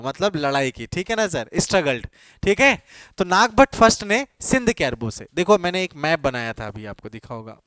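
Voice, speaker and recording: A coaching teacher with a high, light, fairly bright voice leads an exam-prep class, repeating the same question several times before answering it himself. He slips English phrases into his speech, and the recording is dry and close, with no room echo.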